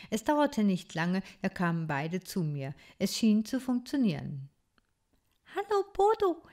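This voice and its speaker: A woman calmly reading a children's story aloud with expression. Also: fairly low pitch.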